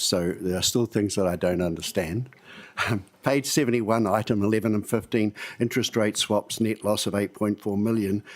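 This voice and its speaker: A man with a New Zealand accent, a councillor asking a direct, self-deprecating question at a meeting. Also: lowish voice.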